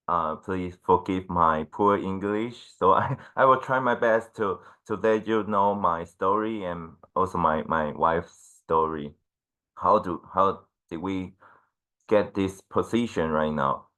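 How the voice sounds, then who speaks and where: A man, a Mandarin speaker, presenting informally and haltingly on an online call. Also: sits low, pushed and bright. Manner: hesitant, halting English. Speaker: guest team leader speaker.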